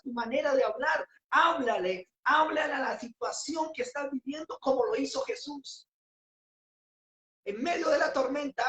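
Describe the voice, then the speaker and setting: A woman preaching a sermon with passion, rising to shouts on key phrases. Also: high voice, echoey room.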